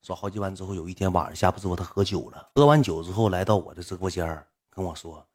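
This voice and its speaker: A man's voice: sits low, steady tone, quick pace, slightly rough. A livestreamer man telling a rambling personal story in blunt, earthy slang. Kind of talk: casual storytelling.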